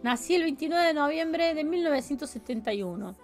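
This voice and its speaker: A woman's voice: high-pitched, expressive, a little fast, faint music behind. A woman in her forties with a Córdoba Argentine accent, chatting playfully with her viewers while she plays a game, humming sing-song fillers. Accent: Córdoba Argentine Spanish. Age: 40s. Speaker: streamer. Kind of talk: casual live-stream chat while playing.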